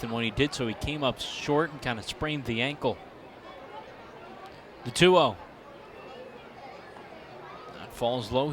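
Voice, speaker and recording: A man with an American accent calling baseball on the radio as a play-by-play announcer. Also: medium pitch. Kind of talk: live baseball play-by-play and sponsor reads. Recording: live ballpark broadcast, loud crowd noise. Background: crowd and outdoor ballpark ambience.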